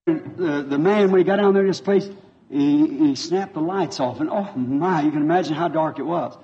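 A man preaching a revival sermon in a fervent, folksy way, pausing for his interpreter. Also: a little high, warm tone, faint music behind. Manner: fervent, folksy, repeats himself. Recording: dull lo-fi old sermon tape.

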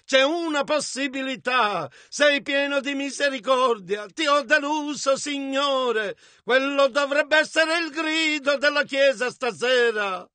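High, bright male sermon interpreter. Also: takes it slowly, few pauses. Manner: emphatic, echoes the preacher's shouts.

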